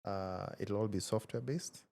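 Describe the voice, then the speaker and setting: A man in his forties, speaking as an interview guest in a measured, reflective way with frequent hesitations. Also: lowish voice, dark tone. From Kenya. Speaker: guest, tech founder. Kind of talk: casual interview conversation.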